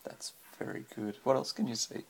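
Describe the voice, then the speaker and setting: A man with a medium-pitched, slightly rough voice and vocal fry reads a children's story aloud at a moderate pace. As a father reading to his child, he pauses to chat and ask encouraging questions. It's a home recording on a handheld phone with faint background noise.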